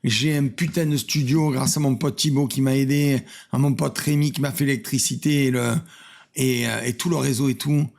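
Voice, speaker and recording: Man, gravelly voice, comedic reaction host, shouts and mutters, home studio. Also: fairly even intonation, normal speed. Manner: shouts exclamations, swings from bellowing to low mumbling. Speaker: cooking channel host reacting to a video. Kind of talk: excitable comedic reaction commentary.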